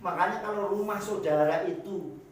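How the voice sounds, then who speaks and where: A man's voice: high-pitched, slight background noise. Man preaching in a very echoey hall. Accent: Javanese. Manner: animated, acts out everyday people in quick asides, keeps addressing the congregation. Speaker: pastor. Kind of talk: sermon. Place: church hall. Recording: very echoey hall, mic at a distance.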